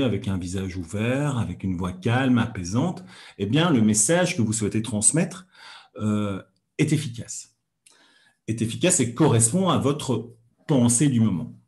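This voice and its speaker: A man hosting a weekly hypnosis lesson, talking calmly with frequent hesitant pauses and fillers. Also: mid-range voice. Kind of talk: calm teaching talk on a livestream.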